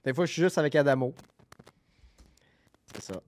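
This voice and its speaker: A man's voice: on the high side, animated, normal speed, slight background noise. A man with a Québécois accent hosting a podcast, joking and teasing in loose chat. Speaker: podcast host. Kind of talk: casual chat.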